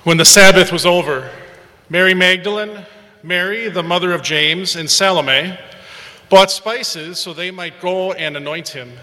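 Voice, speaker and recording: A man, a priest or deacon, reading the gospel aloud in a measured, solemn way, his voice ringing with a cathedral echo in a large church. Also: high voice, pushed and bright. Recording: long church reverb.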